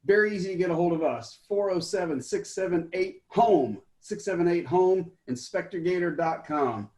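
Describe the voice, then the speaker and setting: A man's voice: sits high, normal speed, darkish tone, echoey room. A man who works as a home inspector giving a blunt, enthusiastic panel tip and stumbling over his words. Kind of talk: brief panel introduction and advice.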